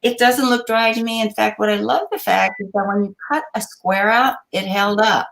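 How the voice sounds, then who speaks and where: A woman's voice: mid-range voice, steady tone, normal speed, gravelly, a bit bright. A woman giving an enthusiastic, thorough food critique as a judge over a video call. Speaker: cooking judge.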